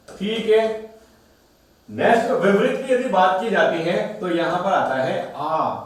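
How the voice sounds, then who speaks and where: A man teaching Hindi grammar in a repetitive way, asking questions aloud and answering them himself. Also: sits high. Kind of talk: classroom-style recorded lesson. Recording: very echoey room, voice from a distance.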